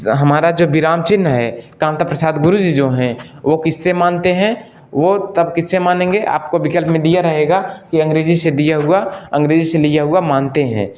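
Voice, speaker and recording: A man's voice: a little high, fairly even intonation, a little mellow, dull audio. A male Hindi teacher giving an exam-prep lesson, repeating each question to the class and then answering it himself, and addressing listeners as friends. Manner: stretches out example sentences slowly.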